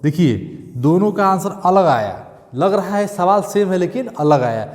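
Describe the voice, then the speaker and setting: Man, maths lesson, repetitive drilling, slightly high voice, long hall reverb. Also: lively intonation, moderate pace, darkish tone. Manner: repetitive, drilling steps with frequent "thik hai" and "clear". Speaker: maths teacher.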